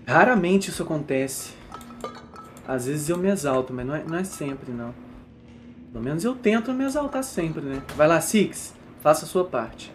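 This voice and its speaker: A Brazilian man streaming live gameplay commentary, excitable and given to repeating himself, switching between yelling at the game and quiet apologies to his chat. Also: on the high side, normal speed. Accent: Brazilian Portuguese. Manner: repeats phrases over and over. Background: music.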